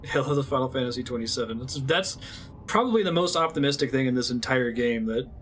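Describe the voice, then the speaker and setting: A man's voice: medium pitch, lively intonation, fast talker, a bit bright, slight background noise. A man giving casual live game commentary as a streamer, in wry, rambling asides. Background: game music.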